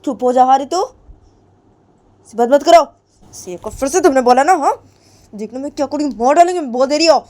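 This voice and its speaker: A woman voicing a furious, domineering young woman who scolds and threatens loudly. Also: on the low side, animated, normal speed, long pauses.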